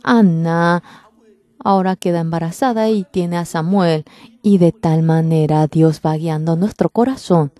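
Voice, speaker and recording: A woman's voice: lowish voice, unhurried, dark tone, no echo. A woman delivering a church sermon in a fervent, emphatic preaching manner. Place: church service.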